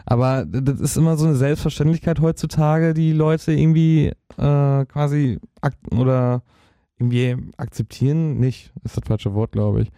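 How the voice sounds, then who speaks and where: A man's voice: medium pitch, steady tone, moderate pace, warm tone, no echo, clean studio sound. A young man, a hobby DJ from Germany, chatting as a podcast guest, rambling and searching for words. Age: young adult. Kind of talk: casual podcast interview.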